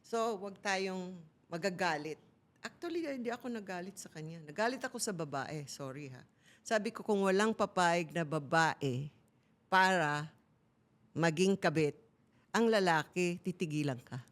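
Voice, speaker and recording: A woman's voice: lowish voice, expressive, unhurried. Candid middle-aged woman, talk-show co-host, shares a personal story in casual chat. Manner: candid storytelling, mixing Tagalog and English.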